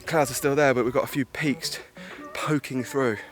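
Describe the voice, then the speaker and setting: A man's voice: mid-range voice, steady tone, moderate pace. Young guy talking to his camera on a hike, breathless, chatty, swears a lot. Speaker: travel vlogger. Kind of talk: casual travel vlog. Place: outdoors on a mountain hike.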